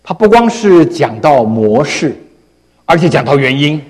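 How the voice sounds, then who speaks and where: Male pastor, animated storyteller, husky voice. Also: a little high, measured pace, big-room sound. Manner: storytelling, animated, frequent tag particles. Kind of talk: sermon.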